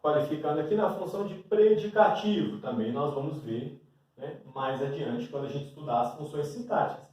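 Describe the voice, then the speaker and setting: A man's voice: on the high side, brisk, a little mellow. A male teacher giving a grammar lesson at a board with a Brazilian Portuguese accent, often checking in with a questioning "né?". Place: classroom with a board. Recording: very echoey room, mic far away.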